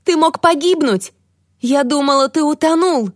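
Cast a woman doing a panicked young woman, shrill and raised, close dry mic, audiobook read. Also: moderate pace, dry recording, lightly acted. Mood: furious shouting. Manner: shouting, near-hysterical, then tearful. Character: frightened, furious young woman, lifeguard-like leader of kids. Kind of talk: audiobook reading.

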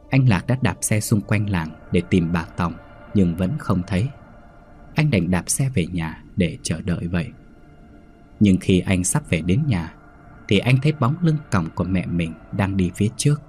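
A man reading a scripted horror story in a steady, measured way. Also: low-pitched.

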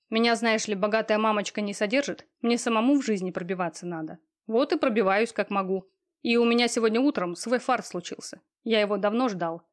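A woman's voice: medium pitch, natural voice. A woman voicing a smug, cold, lazy young man in an audiobook, talking in an offhand, sneering way with coarse slang. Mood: boastful. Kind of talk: audiobook reading.

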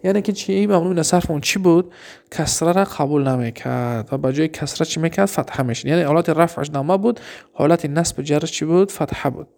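A man with a Tajik accent teaching Arabic grammar, reading example sentences slowly and then quizzing his listeners with questions he answers himself. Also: a little high, creaky, darkish tone. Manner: asks rhetorical questions and answers them himself. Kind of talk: classroom lesson.

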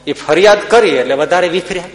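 A man telling a folk tale in a vivid storyteller's manner, his voice rising in loud bursts at the tense moments. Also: high-pitched, fast. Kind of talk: dramatic folk storytelling discourse. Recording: echoey hall with faint hum.

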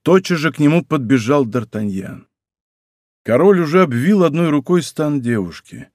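A man narrating a historical novel in a measured, dramatic reading, recorded in a studio. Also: a little high, expressive, a little mellow, no room sound. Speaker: audiobook narrator. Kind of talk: scripted narration.

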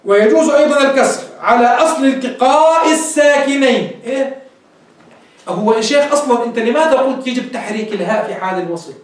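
A man's voice: extremely high pitch, lively intonation, fast talker. A man teaching a grammar lesson, explaining step by step and quizzing his class. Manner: explains step by step, asks the class questions and answers them. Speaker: sheikh teaching Arabic grammar. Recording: very echoey room, mic far off.

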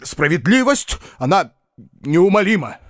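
A man voicing an excitable middle-aged landowner uncle, a former hussar, soft-hearted and prone to declaiming and shouting. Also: sits high, unhurried, no room sound, clean studio sound, pitched above the performer's own voice. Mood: agitated. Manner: agitated, declamatory, rising to shouts. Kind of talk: audiobook character reading.

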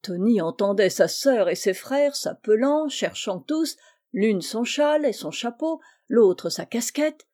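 Female audiobook narrator, mellow tone, expressive storytelling. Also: fairly high pitch, measured pace. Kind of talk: audiobook reading of a classic children's story.

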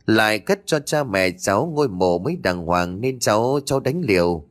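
A man's voice: on the low side, lively intonation, normal speed, soft background music, natural voice. A man voicing a timid, frightened village boy who talks to his grandfather in a fearful, pleading way.

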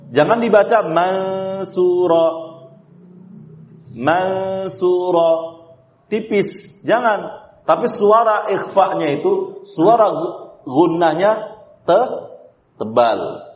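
A man with an Indonesian accent teaches Quran recitation in a slow, measured way, stopping often to chant the example words and to check that his students follow. His voice sits a little high for a man. The recording is roomy and dull, like a lo-fi lecture tape. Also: expressive, a little hiss or hum. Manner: explains then chants examples slowly, asks the class questions. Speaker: tajwid teacher.

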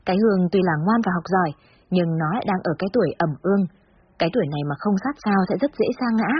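A woman's voice: mid-range voice, lively intonation, very fast, lo-fi sound, slight background noise. A woman narrating a first-person story in a reflective, confiding way.

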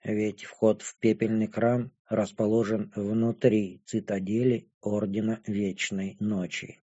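A gloomy young dragon-woman speaks in a hushed, toneless murmur, as a male audiobook reader puts her on. Her voice sits low, dark and muffled. She drags out every word with cold indifference. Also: slightly rough. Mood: flat detached. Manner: flat, indifferent, hushed and slow. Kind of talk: audiobook character voice.

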